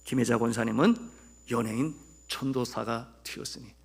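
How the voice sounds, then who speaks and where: A male pastor preaching a sermon, telling a story to his congregation and shifting between loud, emphatic calls and hushed narration. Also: medium pitch, normal speed, vocal fry, slightly rough. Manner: addresses the congregation often.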